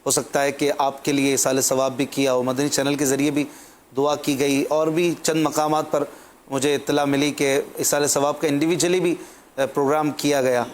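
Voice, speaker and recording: Man interviewing a guest, fairly high voice, polite and probing, lots of little yes and hmm sounds. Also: level tone, moderate pace, a little hiss or hum. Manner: polite, probing questions with frequent affirmations. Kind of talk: respectful religious interview.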